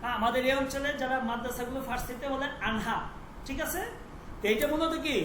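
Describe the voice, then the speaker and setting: Brief: high female teacher voice, patient, repeats and checks, roomy echo, faint hiss. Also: fast, a bit bright. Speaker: Persian language teacher. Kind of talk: online class lesson.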